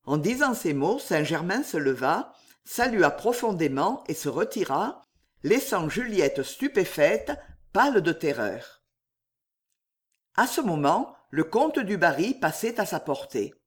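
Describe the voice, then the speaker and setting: A narrator reading a historical novel aloud, with a slow, expressive storytelling manner. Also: mid-range voice. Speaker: audiobook narrator. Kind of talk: literary audiobook narration.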